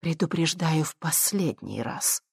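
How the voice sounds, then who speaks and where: Brief: cold, measured rich matriarch, as a woman reader plays her, low voice, dry close sound. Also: lively intonation, no room sound. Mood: cold menace. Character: cold, ruthless wealthy mother, calm and menacing.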